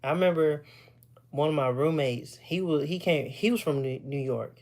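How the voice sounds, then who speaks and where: A man from Texas chatting casually with viewers. He is short of breath, rambles loosely, often clears his throat, and pauses to catch his breath. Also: on the high side, a little mellow. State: short of breath, stops for air. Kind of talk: casual chat.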